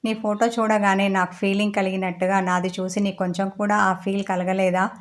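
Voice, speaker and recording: A woman reading the part of a hurt, lovesick young man in a story, asking wounded, sulky questions in an even voice. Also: mid-range voice, fairly quick, lightly acted.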